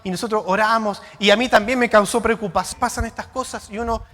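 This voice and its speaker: Male pastor, high voice, sermon in a reverberant church hall, rhetorical questions. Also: fairly even intonation, fast. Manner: rhetorical questions, shifting between loud and quiet.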